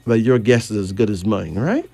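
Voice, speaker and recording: A man's voice: fairly low pitch, sing-song, moderate pace, vocal fry, warm tone, no echo, faint music behind. A man from Barbados, chatting and reading cards, emphatic with rising questions. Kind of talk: casual chat and card reading.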